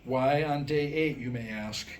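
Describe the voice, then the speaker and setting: Before a small live audience, a man reads his own humorous script in a wry, mock-scholarly manner, posing rhetorical questions. His mid-range voice is unhurried, with a little hiss or hum in the recording.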